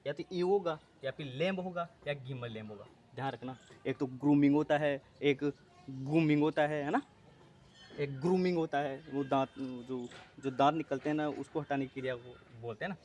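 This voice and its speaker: A male teacher runs an exam-prep lesson as a steady call-and-response drill. He poses each question, repeats it, and answers it himself, mixing English terms into his speech. A faint background noise sits under his voice. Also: mid-range voice, normal speed. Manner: mixes Hindi with English terms.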